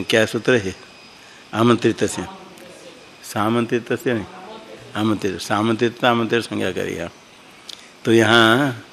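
A man teaching Sanskrit grammar in a slow classroom explanation. He thinks aloud, often stopping to repeat and correct himself. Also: fairly low pitch, creaky, a little hiss or hum.

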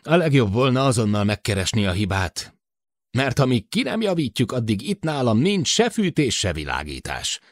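A talkative, teasing spaceship crewman, as a male reader puts him on in a raised, lively voice that swoops up and down. His delivery is chatty and apologetic by turns, with the dry, close sound of a studio audiobook. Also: mid-range voice, dry recording, voice pushed up. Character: joking male spaceship crewman stuck in the dark.

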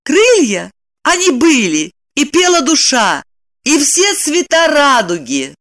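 A woman tells an audiobook story with lively, emotional expression. Her voice sits fairly high and swoops widely across the phrases. The recording is dry and close. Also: takes it slowly, no room sound. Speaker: audiobook narrator.

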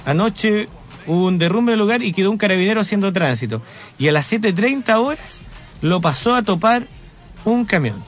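Chilean guy on the radio, high voice, jokes around and rambles, faint music underneath. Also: animated, moderate pace. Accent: Chilean Spanish. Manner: joking, rambling, laughs at himself. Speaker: radio co-host. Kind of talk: casual radio chat. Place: radio studio.

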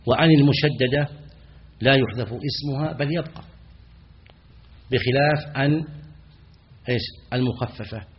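A man teaching as a sheikh in a lecture. He asks his students questions and answers them himself, and he chants the example phrases slowly. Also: mid-range voice, muffled recording. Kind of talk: classroom lecture on errors in the call to prayer.

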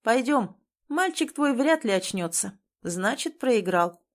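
A woman voicing a gruff, dismissive male security guard in an audiobook, speaking in a curt, cold way. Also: on the high side, animated, takes it slowly.

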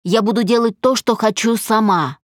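A woman's voice: on the high side, normal speed, dry recording, clean studio sound, natural voice. A woman voicing a young wife who answers her husband tensely and defiantly.

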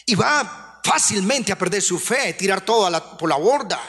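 A Colombian pastor preaching a sermon, posing rhetorical questions and acting out quoted voices. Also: male voice, high voice, expressive, moderate pace, a bit bright, big-room sound. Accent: Colombian Spanish. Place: church.

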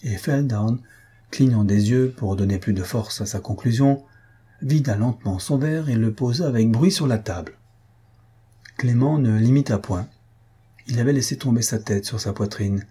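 A man narrating a classic novel as an audiobook, in a measured, steady reading. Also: medium pitch. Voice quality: husky.

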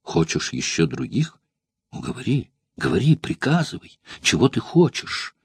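A man's voice: medium pitch, huge pitch swings, normal speed, husky, no echo, full character voice. A man voicing a desperate young Roman noblewoman in love, pleading and close to sobbing. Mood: tearful pleading. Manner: pleading, on the verge of sobs.

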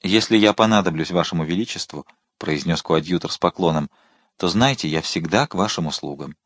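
A man's voice: low-pitched, brisk, no room sound, voice pushed down. A man reading the lines of a shrewd, confident churchman in an audiobook. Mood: courteous. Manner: self-assured, loud proclamations.

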